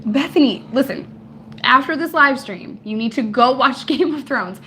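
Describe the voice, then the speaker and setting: Higher-voiced woman with a hoarse, failing voice. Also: expressive, moderate pace, pushed and bright, a little hiss or hum. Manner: playful, teasing, slangy. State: voice giving out, hoarse from recent voice loss. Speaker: host of a live stream. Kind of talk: casual live-stream chat with viewers.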